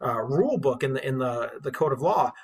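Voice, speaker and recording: Here the same husky English teacher sounds animated and talks fairly quickly in a mid-range voice. He's lecturing his class informally and with enthusiasm, spinning stories in everyday speech.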